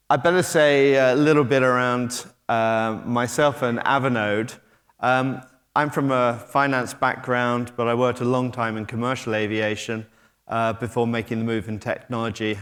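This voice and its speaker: The speaker is a middle-aged British man leading a technology company, giving a keynote in a conference hall whose long reverb trails his words. His voice is mid-range and slightly bright, and he keeps restarting and saying um as he moves about the stage with his mic.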